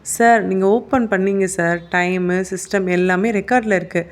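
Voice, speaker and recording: A woman voicing a calm, measured, cunning male police investigator. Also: medium pitch, lightly acted. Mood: pressing.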